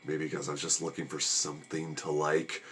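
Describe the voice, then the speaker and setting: A man's voice: very deep voice, flat delivery, moderate pace, fairly bright tone, a little hiss or hum. A man casually reviewing a movie, rambling in a weary, sarcastic and annoyed way.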